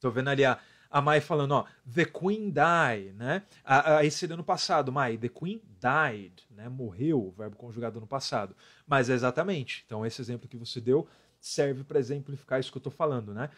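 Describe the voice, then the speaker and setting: A man's voice: mid-range voice, fast talker. A man with a Brazilian Portuguese accent teaching an English lesson live, talking with his viewers in a chatty way and reading their comments aloud. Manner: chatty, often ends phrases with "né?", lively emphasis on examples.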